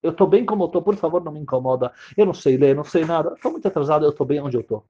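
A man's voice: a little high, very fast, mellow, slightly rough. A man voicing a troubled man who earnestly recounts a prison ordeal. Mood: pleading. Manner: pleading, earnest, repetitive. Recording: dull lo-fi sound.

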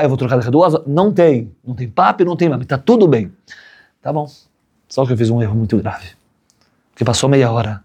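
Rabbi, husky mid-range voice, chatty storyteller, keeps checking in with his listeners. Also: mid-range voice, mellow. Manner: chatty, checks in with "right?" tags. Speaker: rabbi teaching a class. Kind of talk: conversational Torah lesson with a story.

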